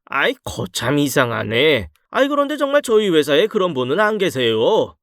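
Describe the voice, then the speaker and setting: A man's voice: fairly high pitch, sing-song, a bit bright, no echo, studio quality. A man doing a puzzled office worker. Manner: slow, doubtful questioning. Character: puzzled male law firm employee.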